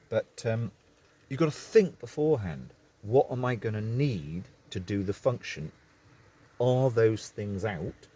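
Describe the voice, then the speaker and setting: A man's voice: on the low side, dark tone, a little hiss or hum. A man talking into his phone camera from a parked vehicle, rambling and going off on digressions in a casual vlog. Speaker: vlogger.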